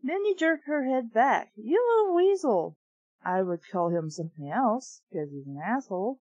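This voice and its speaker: Her voice is mid-range with big pitch swings at a normal speed, on a dry recording with the highs cut off. Reading a story audiobook-style, this children's book reader and reviewer adds her own sarcastic, sweary, exasperated ad-libs.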